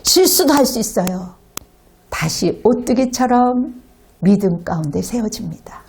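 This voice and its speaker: A woman's voice: mid-range voice, a little slow, slight background noise. A woman pastor preaching a sermon, telling a story animatedly and asking the congregation rhetorical questions. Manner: animated storytelling, acting out quotes.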